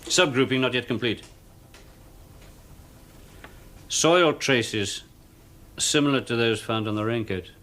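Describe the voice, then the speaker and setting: A man's voice: medium pitch, moderate pace, natural voice. A man playing a shrewd, relentless detective. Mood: businesslike. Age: middle-aged. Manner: calm, probing, coaxing then pressing. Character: shrewd middle-aged male detective, patient and relentless. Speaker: police detective interrogating a suspect. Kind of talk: 1970s television police drama.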